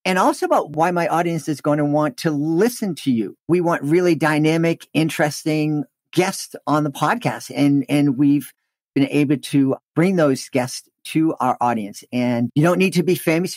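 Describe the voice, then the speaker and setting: Higher-pitched American man telling stories. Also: moderate pace, darkish tone, no room sound, studio quality. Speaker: podcast guest, himself a podcaster. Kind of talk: conversational interview storytelling.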